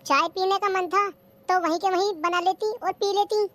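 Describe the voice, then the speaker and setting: A performer doing a cheeky young daughter-in-law, high and squeaky. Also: female voice, fairly even intonation, normal speed, fairly bright tone. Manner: cheeky, answers back, sulky grumbling. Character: lazy, cheeky young daughter-in-law who talks back. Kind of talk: cartoon comedy skit.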